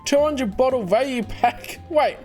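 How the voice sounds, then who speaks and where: A woman giving casual, joking commentary as she plays through a video game, quick to laugh. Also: high-pitched, dark tone, faint music behind.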